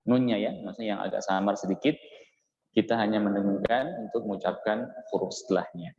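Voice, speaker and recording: A man teaching Quran recitation. He explains each rule patiently, chants example words slowly, and keeps checking in with a short "ya". He is from Indonesia and speaks in a mosque hall. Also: fairly low pitch, a little mellow. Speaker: Islamic teacher. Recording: echoey hall, dull lo-fi sound.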